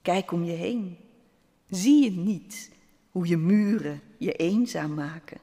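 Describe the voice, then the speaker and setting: Storybook pebble, gentle and wise, soft-spoken, slow, played by a man, hall reverb. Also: high voice. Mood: calm, gentle. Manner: soft, calm, quietly persuasive.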